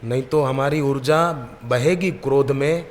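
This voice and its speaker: A man preaching at a devotional gathering, at a mid-range pitch. He tells his parables in a lively way and slips into the voices of the people in them. His words ring out with the long reverb of a large hall. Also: measured pace, slight background noise. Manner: lively storyteller who acts out the people in his anecdotes. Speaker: spiritual preacher. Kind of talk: devotional sermon with storytelling.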